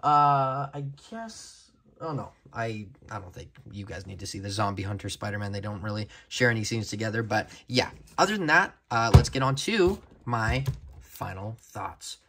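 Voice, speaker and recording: A man reviewing an action figure in a casual, chatty vlog, enthusiastic and filling pauses with "uh". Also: lowish voice, fairly bright tone, a little hiss or hum. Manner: chatty and enthusiastic, frequent "uh" fillers.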